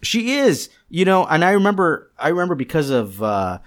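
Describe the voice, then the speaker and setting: A man's voice: fairly high pitch, sing-song, moderate pace, a bit bright, dry recording, clean studio sound. A man co-hosting a casual chat show, rambling along with frequent restarts and fillers. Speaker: podcast co-host.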